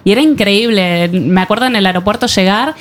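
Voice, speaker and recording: A woman hosting a casual panel chat, lively and jokey. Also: mid-range voice, brisk. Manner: lively, jokey, laughs easily.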